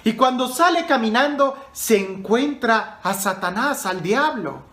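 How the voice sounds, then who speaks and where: A man's voice: very high voice, animated, measured pace, bright, forceful tone, roomy sound. A male priest telling a story in a conversational sermon, addressing the listener directly.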